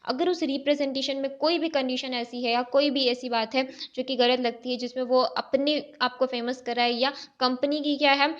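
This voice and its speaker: A woman tutoring chartered accountancy explains things step by step in a recorded exam-prep lecture, her voice high and steady at a moderate pace with hardly any pauses. She asks questions and then answers them herself, often checking in with "okay." The recording sounds dull and lo-fi.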